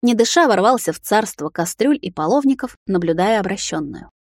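A woman's voice: mid-range voice, lively intonation, fairly quick, no room sound. A woman narrating a fantasy romance novel in a dramatic first-person reading on a close mic. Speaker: audiobook narrator. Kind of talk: scripted narration.

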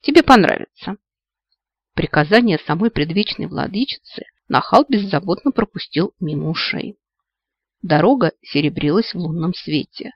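A man narrating a fantasy story in an expressive storytelling manner. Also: on the high side, dry recording, lo-fi sound. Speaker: audiobook narrator.

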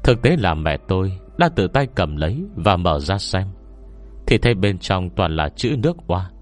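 Man reading as a deep, reserved male scholar. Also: very animated, normal speed, faint music behind. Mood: measured. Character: reserved scholar solemnly recounting his mother's memories. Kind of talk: audiobook character dialogue.

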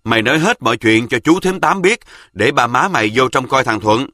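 A man voicing a clever, bossy boy from the south who speaks quickly and confidently with a Southern Vietnamese accent. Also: medium pitch, sharp tone, no echo, clean studio sound. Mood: scheming. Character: sharp, know-it-all southern boy, ringleader.

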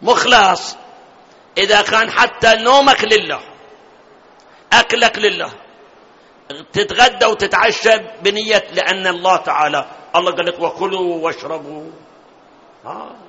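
Bright high-voiced preacher, echoing hall. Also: male voice, fairly even intonation, moderate pace, pauses often. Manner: questions the audience often, recites verses in a chanting tone. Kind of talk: religious lecture. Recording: dull lo-fi sound with long hall reverb.

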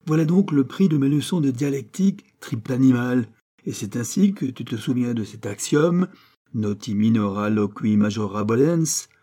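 Guy doing a raging old priest teacher, loud and booming, dark voice, audiobook. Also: unhurried, few pauses, close to an everyday voice. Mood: scornful. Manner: loud, shouting scolds, heavy emphasis. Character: furious old priest schoolmaster, booming, scolding.

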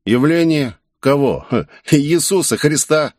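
Guy putting on a jumpy slangy young dude, higher and louder than the narrator, dry sound. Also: unhurried, dry recording. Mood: excited. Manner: excited, rambling street slang. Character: excitable young man, slangy wannabe gangster.

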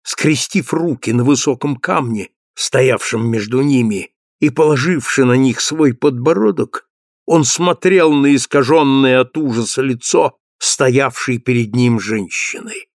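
A man narrating an audiobook of a classic novel in a steady, measured reading voice. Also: mid-range voice, dry recording, clean studio sound.

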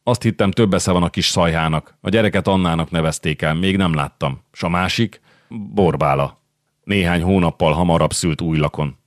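A frightened young nobleman pleads for help in an anxious, confiding tone, as a male audiobook reader voices him. The voice sits very low and sounds dry and close. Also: no echo, lightly acted. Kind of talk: audiobook character reading.

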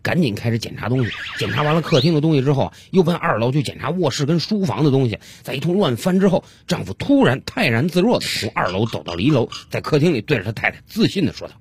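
Fast, lively male joke-teller. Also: mid-range voice, husky, no room sound. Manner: lively, chatty. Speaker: radio comedy host. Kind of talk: storytelling jokes on radio.

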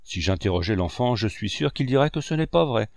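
A man's voice: lowish voice, lively intonation, brisk, vocal fry, a little mellow, dry recording, studio quality. A man reading the lines of a stern but fair old male street showman, firm and businesslike.

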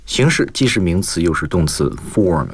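Low-voiced male teacher explaining. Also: big pitch swings, moderate pace, husky, no room sound. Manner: explains words step by step, mixing English terms. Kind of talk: radio English lesson.

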